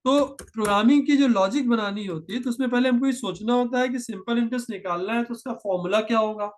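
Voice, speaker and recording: A man teaching programming in a screen-share tutorial, explaining patiently step by step and slowing down to dictate code, mixing with terms. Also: very high voice.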